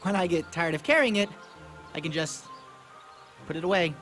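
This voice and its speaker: Awkward cartoon teenage boy played by a man, self-deprecating, bumbling, very lively pitch. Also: moderate pace, close to an everyday voice. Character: awkward, goofy teenage boy trying to seem cool. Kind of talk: animated series dialogue. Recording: background music behind dialogue.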